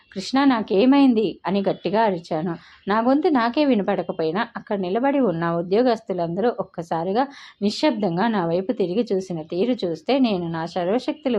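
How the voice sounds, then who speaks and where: A woman narrates a dramatic novel in the first person, pouring emotion into the heroine's words. Her voice sits at an ordinary middle pitch. The recording is a little muffled and lo-fi. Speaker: storyteller. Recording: slightly dull lo-fi audio.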